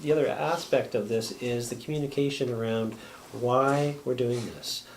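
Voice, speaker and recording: A man's voice: mid-range voice, fairly even intonation, moderate pace, slight background noise. Man explaining council policy, earnest, rambling, folksy turns of phrase, mid-range voice.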